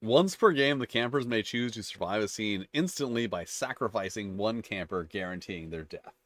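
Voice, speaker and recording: A man with a low voice works through a page of game rules, reading each one out and then wandering into loose, talky asides full of restarts. His voice sits dry and close, with no room sound around it. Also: lively intonation, moderate pace, a bit bright, no room sound. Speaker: channel host reviewing tabletop games. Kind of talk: casual commentary reading rules aloud.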